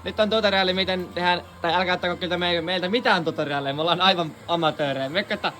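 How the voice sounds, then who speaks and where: A man's voice: high voice, steady tone, a little hiss or hum. A young man casually narrating a garage vlog, joking and swearing as he works. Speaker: vlogger. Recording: music playing loudly in the garage. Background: loud music playing.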